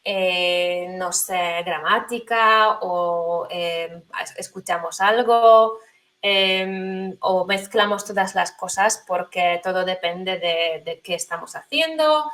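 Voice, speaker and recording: A woman's voice: on the low side, slow, fairly bright tone. Thoughtful woman teacher, interview guest. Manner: thoughtful, hesitant, many fillers. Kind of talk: conversational interview.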